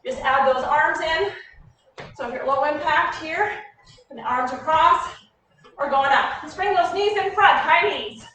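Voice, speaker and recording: High-voiced woman fitness coach in an echoey room. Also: measured pace. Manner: encouraging, energetic, directive. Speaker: fitness coach leading a warm-up. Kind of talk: group workout instruction, clipped cues and countdowns. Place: echoey indoor room, heard from a distance. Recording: very echoey room, distant mic, faint noise.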